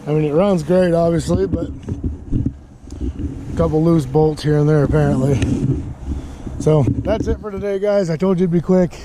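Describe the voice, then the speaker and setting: A man with a fairly high voice, out of breath, rambling apologetically in a casual vlog. He is recorded outdoors on rural land, with loud vehicle and outdoor noise behind him. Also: moderate pace, pauses often. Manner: rambling, apologetic, many fillers. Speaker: motorbike vlogger.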